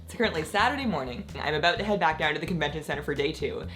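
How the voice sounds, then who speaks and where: Her low, expressive voice races along, a bit bright yet slightly croaky because she's losing it, as this female gaming creator chats casually in a vlog. She rambles, laughs often, and leans heavily on "like," with soft music playing behind her.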